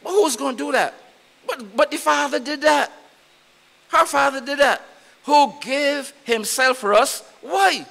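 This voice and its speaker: A Barbadian man preaching in a church with a very high, bright voice. He presses his points hard and repeats them, swelling louder as he drives them home. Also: measured pace, gravelly. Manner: emphatic preaching with repetition and rising volume. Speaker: pastor. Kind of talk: sermon.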